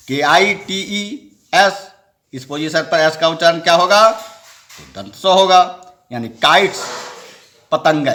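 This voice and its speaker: A man teaching English pronunciation rules, spelling out letters slowly and asking and answering his own questions. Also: on the high side, fairly bright tone. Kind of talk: classroom-style lesson explaining rules.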